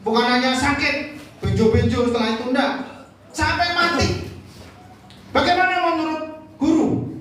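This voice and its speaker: Javanese-accented pastor booming in an echoey hall. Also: male voice, fairly even intonation, moderate pace, pauses often, a bit bright, distant mic, slight background noise. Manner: jokey, quizzes the congregation with questions. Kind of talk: live sermon.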